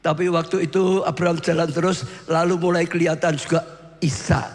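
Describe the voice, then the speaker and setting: A male pastor, retelling a story in a sermon with dramatic shouts and frequent address to his listeners. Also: a little high, steady tone, fairly quick. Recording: long hall reverb.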